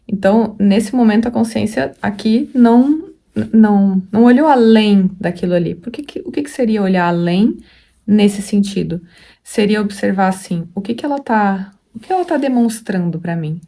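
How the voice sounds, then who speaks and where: A woman hosts a spiritual study talk in a relaxed, reflective way. Her voice is dark and soft-edged with a gravelly fry, and her pitch sits in a middle range. She thinks aloud, circling back with fillers and restarts. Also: normal speed. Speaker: spiritual study channel host; mother of a young daughter. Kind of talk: casual reflective teaching talk.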